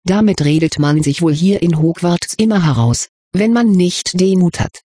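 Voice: mid-range voice, expressive, moderate pace, mellow, slightly rough. Reader voicing a sneering older teen rival. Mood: scornful. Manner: mocking, condescending. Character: older teen boy, foreign student, arrogant and irritable.

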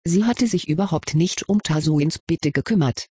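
A narrator reading a fantasy story aloud at a steady, even pace. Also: medium pitch, moderate pace, breathy edge, no echo. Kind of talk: audiobook narration of fan fiction.

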